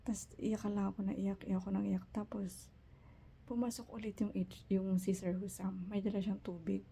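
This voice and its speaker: A woman's voice: medium pitch, level tone, moderate pace, creaky, mellow, husky. A woman from the Philippines telling a personal story in a casual vlog, emotional, mixing in English quotes. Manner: emotional retelling, quotes others in English, restarts. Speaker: vlogger.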